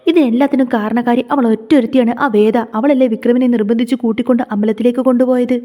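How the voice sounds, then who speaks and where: A woman's voice: on the high side, fairly even intonation, quick pace, warm tone, in a large hall, close to an everyday voice. A woman reading the lines of a spiteful woman of the household who blames the young wife. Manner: scornful, accusing.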